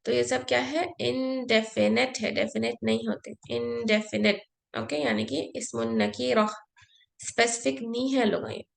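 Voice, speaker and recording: Gravelly-voiced woman teaching slowly. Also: on the high side. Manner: patient, explains step by step, mixes Hindi and English. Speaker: Arabic teacher. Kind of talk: online class lesson.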